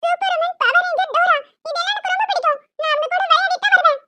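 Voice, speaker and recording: A woman's voice: quick pace, sharp tone, no room sound. A woman voicing a small, stubborn cartoon girl who pleads in a whiny, insistent way. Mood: pleading. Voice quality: squeaky and very high. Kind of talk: animated cartoon voice acting.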